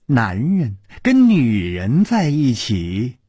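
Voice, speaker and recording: A man voicing a coy young woman who taunts her jealous lover in soft, breathy murmurs. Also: mid-range voice, wildly swooping pitch, takes it slowly, no room sound, clean studio sound, voice pushed down, full character voice. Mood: taunting.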